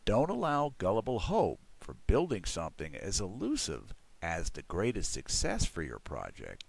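A middle-aged man reading a scripted promotional voice-over for his pool building firm in a measured, persuasive way. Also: low voice, creaky. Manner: measured, persuasive salesman delivery.

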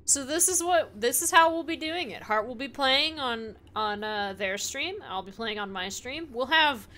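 A woman's voice: high voice, expressive, moderate pace, sharp tone. Chatty, laughing woman streamer. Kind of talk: casual gaming stream chat. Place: home room with open window.

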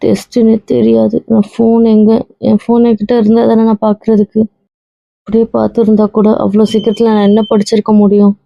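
A woman playing a gravelly-voiced young student. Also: a little high, completely flat delivery, brisk, mellow, no room sound, dull audio. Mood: upset. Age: young adult. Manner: subdued, apologetic. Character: young female medical student. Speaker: actor. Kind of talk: web series drama acting.

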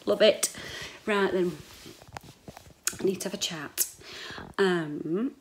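A middle-aged British woman chats to her viewers in a slightly low voice. She rambles playfully and casually, with some mild swearing. The sound is echoey, recorded on a handheld camera in a room at home. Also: slow, slight background noise. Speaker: vlogger. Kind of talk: casual chatty vlog to camera. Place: small echoey bedroom at home, indoors. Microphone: handheld camera at arm's length.

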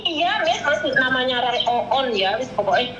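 In a small room at home, a former domestic worker in her forties gives a casual interview, her high voice lively in intonation and moderate in pace. She rambles, voices the people she quotes, and says "Miss" over and over. The recording is noisy, dull, and roomy.

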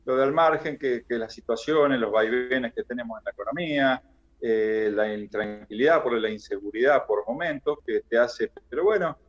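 A middle-aged Argentine man with a medium-pitched voice and an Argentine Spanish accent speaks as an interview guest; he is a former basketball player. He chats freely, restarts phrases, and fills pauses with "eh" and "viste." The video call audio is dull and lo-fi.

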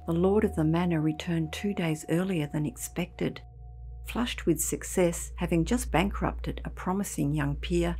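Low, husky woman narrating a ghost story. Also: a little mellow.

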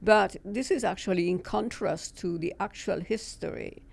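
An older woman, a history professor, answering thoughtfully in a studio with frequent pauses and fillers. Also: on the low side, creaky. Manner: thoughtful, with many hesitations. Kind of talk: conversational expert answer. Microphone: boom mic with headphones.

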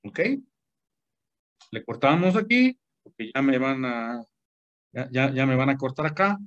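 A man's voice: mid-range voice, sing-song, unhurried, fairly bright tone, lo-fi sound. A man with a Mexican Spanish accent, a doctor teaching a class in a colloquial lecture and often checking that students follow. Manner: colloquial, asks the class frequent check questions. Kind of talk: informal medical lecture.

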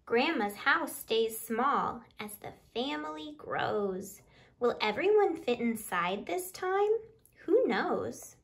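In a small living room by a window, a woman in her thirties hosts a library-style storytime, reading a children's picture book aloud to young listeners a few feet from the camera. Her fairly high voice is very animated, slow, gravelly and a bit bright.

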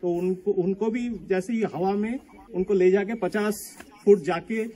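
A man's voice: sits high, fairly even intonation, measured pace, warm tone. A man chatting casually as a travel companion, mixing English words into his talk. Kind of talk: casual chat.

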